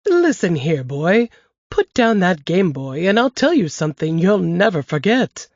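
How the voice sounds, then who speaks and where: A woman, in an exaggerated, sing-song voice, plays a spry, sly elderly woman in an assisted living home who coaxes her great-grandson into listening, teasing and conspiratorial in a folksy drawl. Her voice is low and darkish at a measured pace, and the dry, dull lo-fi podcast audio has no room sound.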